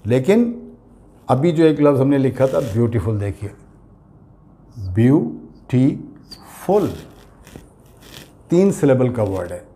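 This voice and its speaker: A man's voice: mid-range voice, lively intonation, moderate pace, mellow. A man with an Urdu accent teaching English grammar, explaining patiently and spelling words out letter by letter. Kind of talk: classroom grammar lesson.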